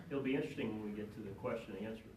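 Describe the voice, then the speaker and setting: An older man, a retired general, answering on a panel in a measured, reflective way. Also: fairly low pitch, darkish tone, slight background noise. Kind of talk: panel discussion. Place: event hall. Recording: echoey room from a distance.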